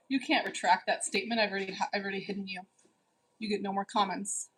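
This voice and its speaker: A woman's voice: mid-range voice, steady tone, fast talker, a bit bright, slightly rough, poor audio. Teasing, bossy woman in her forties. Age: 40s. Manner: teasing, bossy, scolds viewers. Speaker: livestream host. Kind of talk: casual live chat reading.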